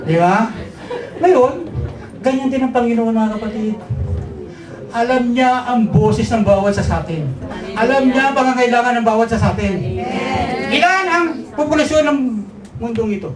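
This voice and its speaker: A man's voice: very high-pitched, expressive, normal speed, long pauses, a crowd in the background. A male pastor with a Filipino accent preaching a sermon, telling stories and asking the congregation questions. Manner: storytelling, asks the congregation questions. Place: church hall with a congregation. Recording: echoey hall, distant mic, audible congregation.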